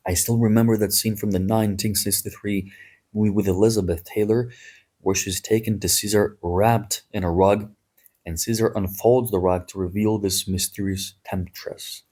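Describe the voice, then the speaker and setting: Man, podcast host, low husky voice, mellow tone, chatty and digressive. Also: fairly even intonation, normal speed. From Greece. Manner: chatty, digressive, wry asides. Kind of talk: casual history podcast talk.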